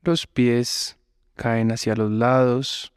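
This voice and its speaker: This man, a yoga teacher, talks listeners through a guided meditation at a very slow pace, leaving long gaps between phrases and keeping everything calm and measured. His mid-range voice sounds smooth and clear, captured in a close, dry recording.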